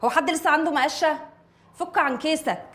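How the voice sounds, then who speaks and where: A woman's voice: high voice, a little fast, fairly bright tone. An actress with an Egyptian accent playing a cheeky young cleaning woman who teases and mocks her employer. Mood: teasing. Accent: Egyptian Arabic.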